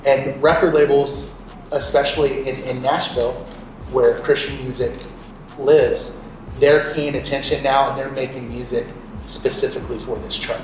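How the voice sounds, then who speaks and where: Loud background noise, an echoey room and a distant mic surround a man in his late thirties, a radio programmer there as a guest speaker. He explains things conversationally in an informal instructional talk to a group, checking in with brief questions. His voice is medium-pitched and steady in tone, at a normal pace.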